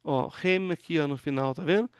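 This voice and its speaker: A pastor teaching an online Hebrew class, patiently walking students through word forms and asking them to read aloud. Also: male voice, fairly high pitch, normal speed, clear, resonant tone, no room sound, clean studio sound. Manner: patient, explains step by step, asks students to read.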